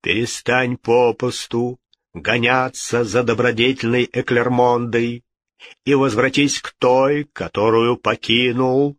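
A man voicing a solemn ghostly voice that speaks slowly and gravely. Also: mid-range voice, level tone, a bit bright, dry recording, clean studio sound. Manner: slow, grave, pronouncing. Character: solemn ghostly male voice from the dark.

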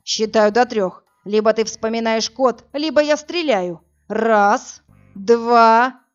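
A woman voicing a furious armed male thug, who threatens loudly and counts slowly. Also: on the high side. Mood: menacing. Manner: threatening, shouting, slow counting. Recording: dull lo-fi audio, faint music.

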